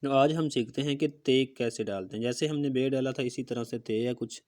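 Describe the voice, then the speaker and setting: A man speaking a little fast in a somewhat mellow mid-range voice leads a recorded calligraphy lesson, demonstrating strokes with a marker. His explanations come patiently, step by step, punctuated by frequent check-ins of "okay."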